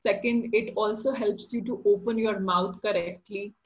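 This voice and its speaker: Appearing as a guest on a podcast, this middle-aged woman, a voice-over artist, explains things playfully in a casual interview, laughing often. Her slightly nasal voice is medium in pitch, steady, at normal speed, with the high frequencies cut off.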